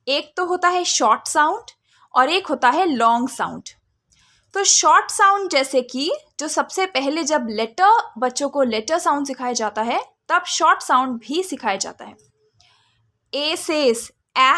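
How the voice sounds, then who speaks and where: A woman hosting a phonics lesson channel, explaining spelling rules deliberately and sounding words out letter by letter, mixing English phrases into her explanations. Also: sits high, bright, forceful tone. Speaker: phonics teacher and channel host.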